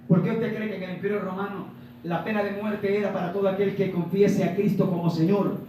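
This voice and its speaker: Male preacher from Ecuador, high voice with a mellow tone, animated sermon delivery, miked from a distance in a very echoey room. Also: slight background noise. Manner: animated, rhetorical questions to the congregation, acts out little dialogues. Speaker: evangelist preacher. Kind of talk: Pentecostal sermon.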